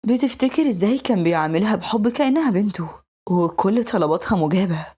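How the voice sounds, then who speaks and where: An Egyptian woman narrates a drama recap at a rapid clip. Her voice is husky and a touch breathy, set at an ordinary pitch. She keeps the storytelling brisk. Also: expressive, dark tone. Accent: Egyptian Arabic.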